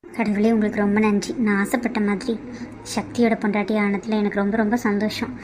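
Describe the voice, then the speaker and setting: A woman's voice: medium pitch, little pitch movement, brisk, a crowd in the background, natural voice. A woman voicing a kind, dutiful young bride. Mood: grateful. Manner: soft, reassuring. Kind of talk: cartoon voice acting.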